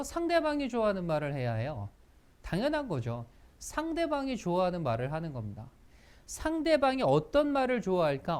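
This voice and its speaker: A lively instructor leads a workplace etiquette lesson for students, with pitch that swings widely from line to line. The delivery keeps breaking into little acted-out example phrases before returning to explanation. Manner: lively, acts out example lines in quotes. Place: school training session.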